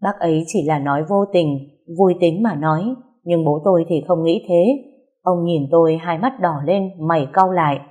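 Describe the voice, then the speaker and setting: A woman's voice: fairly low pitch, normal speed, mellow, lo-fi sound. A woman narrating a first-person story and voicing every character's dialogue herself, with emotional storytelling.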